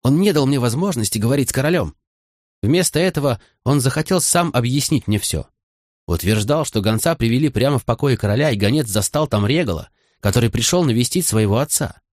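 A man's voice: medium pitch, animated, a little fast, a little mellow, dry recording, clean studio sound, natural voice. A man reading an audiobook, voicing a young queen who speaks urgently and confidingly. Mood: worried. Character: young grieving queen, earnest and direct. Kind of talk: audiobook character voice.

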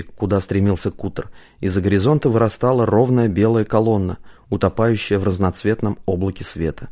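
A man narrating an audiobook in a steady, measured reading style. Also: on the low side.

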